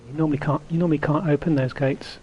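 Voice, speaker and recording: A man's voice: on the high side, steady tone, fast talker, darkish tone, dull audio, slight background noise. Chatty male gameplay commentator. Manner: chatty, offhand.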